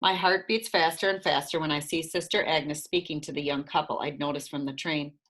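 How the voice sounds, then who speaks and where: A woman narrating a children's storybook in an expressive, lively reading voice. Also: low-pitched, a little fast.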